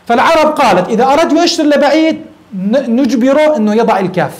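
A man teaching a grammar lesson, often checking in with quick rhetorical questions. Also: very high voice, expressive. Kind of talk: classroom grammar lecture.

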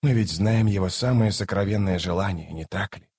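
A man voicing a grave, sorrowful elder god in an audiobook, speaking slowly and solemnly. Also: a little mellow, slightly rough, no room sound, clean studio sound. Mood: stern. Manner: slow, low and solemn. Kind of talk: audiobook character voice.

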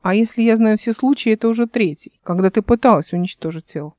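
A woman's voice: a little high, fast talker, mellow, dry recording, clean studio sound, natural voice. A woman voicing a cunning, sarcastic immortal man in a fantasy audiobook, in a sly tone.

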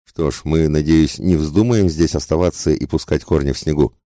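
A man voicing a loud, commanding American colonel in an audiobook. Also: very deep voice, normal speed, no room sound, studio quality. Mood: indignant. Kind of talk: audiobook character voice.

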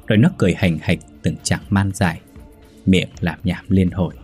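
Low, husky male storyteller. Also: fairly even intonation, moderate pace, darkish tone, faint music behind. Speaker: narrator. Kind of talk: scripted story narration.

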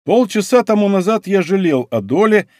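A man playing a gallant musketeer, loud and commanding, lively swooping delivery, dry studio audiobook. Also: sits high, moderate pace, no echo, pitched above the performer's own voice. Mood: jovial. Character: bold gallant male musketeer, commanding and exuberant.

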